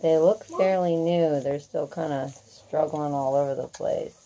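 Low-voiced woman narrating her farm. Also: a little slow. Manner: chatty, gentle with the animals. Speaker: homesteader filming family farm. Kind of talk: casual narrated farm vlog. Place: outdoors on a farm, in a small livestock shelter.

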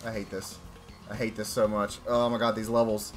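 A young man casually commenting while he plays a video game, swinging between loud excited yelps and low frustrated muttering. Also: moderate pace, soft background music. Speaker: gaming channel host. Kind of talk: live let's-play commentary.

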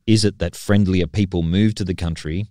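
A man's voice: sits low, fairly even intonation, moderate pace, darkish tone, dry recording, clean studio sound. A man hosting a casual podcast chat, friendly, with frequent ums and uhs. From Australia. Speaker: podcast host.

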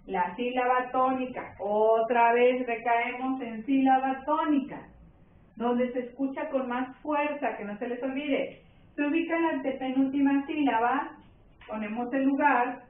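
A woman teacher with a Mexican accent, giving a slow, patient classroom lesson, stretching words and checking that her pupils follow. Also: high-pitched. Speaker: primary school teacher. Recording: roomy, distant, phone-like sound.

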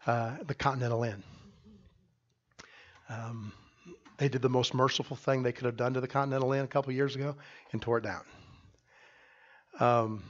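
A middle-aged pastor preaching a sermon, telling the story with lively acted-out voices that swing from quiet asides to loud cries. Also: male voice, medium pitch, highs cut off. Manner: animated storytelling, acting out voices and rising to shouts. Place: church sanctuary.

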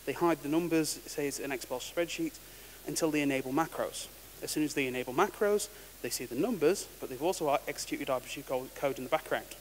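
Speaking quickly with hardly any pauses, this man has a fairly high pitch as he gives a technical conference presentation. His tone is casual and wry, and he restarts words often; the large hall adds reverb and a faint hiss.

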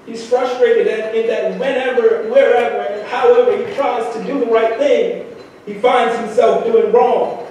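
High-voiced young man preaching in church. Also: steady tone, unhurried, darkish tone, slight background noise. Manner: rhythmic repetition, building to sung climaxes. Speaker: lay preacher. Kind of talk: sermon. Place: large church sanctuary. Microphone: handheld mic at pulpit. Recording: echoey church from far off.

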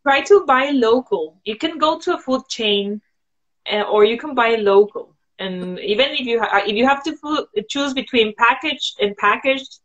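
A woman guest on a video call from home, giving advice in a thoughtful, halting way with frequent fillers. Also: on the high side, lively intonation, a bit bright, muffled recording. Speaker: guest sharing sustainability tips. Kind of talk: casual video-call interview. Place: indoors at home.

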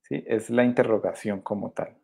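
A man's voice: on the low side, steady tone, moderate pace, creaky, a little mellow, husky. A man with a Colombian Spanish accent teaching a live virtual sign language workshop, explaining patiently and often checking for understanding, recorded on a webcam indoors.

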